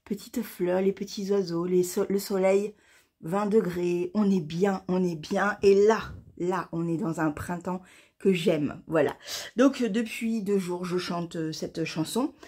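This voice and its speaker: A woman from France talks straight to her camera in a relaxed knitting vlog. She rambles excitedly, tripping over her words and restarting sentences. Her voice sits on the low side with a slightly husky edge. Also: a little slow. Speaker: knitting vlogger. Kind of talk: casual chat to camera.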